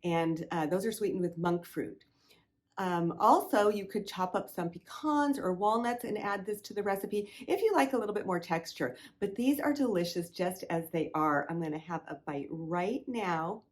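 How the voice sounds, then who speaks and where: Middle-aged lady walking you through a recipe, chatty, lowish voice. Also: moderate pace. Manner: friendly, chatty instructions. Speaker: cooking show host. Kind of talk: recipe demonstration.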